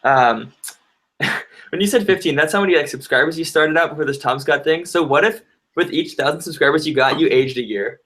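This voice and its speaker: A man's voice: fairly high pitch, fairly bright tone. Chatty young man on a video call. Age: 20s. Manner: chatty, laughing often, quick asides. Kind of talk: casual chat.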